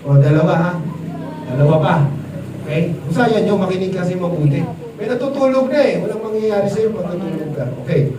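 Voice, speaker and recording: An animated male preacher with a high voice, quizzing his audience as he tells the story. His sermon booms around an echoey hall, caught from a distance by the mic. Steady background noise runs underneath. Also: brisk. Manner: animated, quizzes the crowd, mixes English. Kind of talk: lively sermon with audience questions. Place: church event hall.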